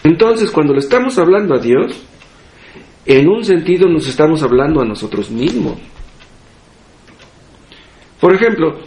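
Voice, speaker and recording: Mexican pastor guy preaching, kinda high voice, lots of echo in the room. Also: a little mellow. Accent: Mexican Spanish. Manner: rhetorical questions, emphatic repetition. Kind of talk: sermon. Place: church hall.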